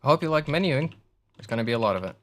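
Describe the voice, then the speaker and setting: A man's voice: medium pitch, animated, very fast, fairly bright tone. Sarcastic male game streamer. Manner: dry, sarcastic asides. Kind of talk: game commentary.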